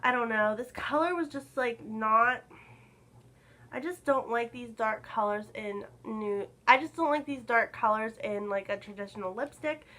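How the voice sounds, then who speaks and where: A young woman vlogger chatting casually to camera about makeup, a little hoarse from being sick, filling her talk with "like.". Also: fairly high pitch, moderate pace, sharp tone, slight background noise, low-quality recording. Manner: chatty, lots of "like" fillers. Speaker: beauty vlogger.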